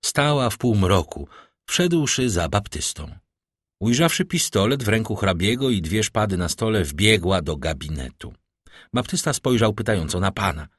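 Deep-voiced male audiobook narrator. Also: husky, dry recording, clean studio sound.

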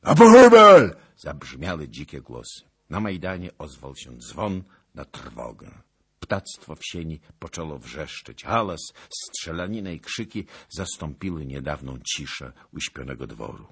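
A male audiobook narrator with a very deep, husky, breathy voice. His pitch moves in a lively way as he tells the story. The telling is solemn and dramatic. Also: measured pace. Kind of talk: scripted narration of a historical novel.

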